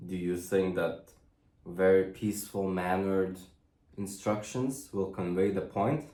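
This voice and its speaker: Slow, low-voiced man rambling in an echoey studio. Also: fairly even intonation. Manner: musing, trails off, then loud mock drill-sergeant yelling. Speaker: artist narrating his drawing process. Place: art studio, camera set far away. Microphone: far camera mic. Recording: echoey room from far off.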